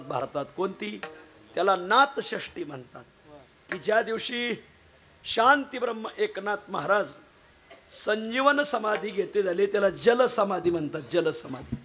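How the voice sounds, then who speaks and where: A hoarse man with a fairly high voice preaches a devotional kirtan to a village crowd. His delivery is folksy and full of jokes aimed straight at his listeners. Faint instrumental music sits behind his voice. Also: fairly bright tone. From Maharashtra. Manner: folksy, joking, addresses the audience directly. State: hoarse from three kirtans the day before. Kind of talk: devotional kirtan sermon with humor. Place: village gathering with harmonium and mridang accompaniment.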